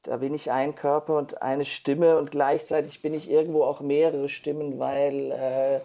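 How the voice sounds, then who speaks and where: A man with a dark, gravelly voice answers an interviewer thoughtfully. He hesitates, restarts and searches for the right words as he goes. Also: a little high, flat delivery, moderate pace. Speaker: interview guest, performer and author.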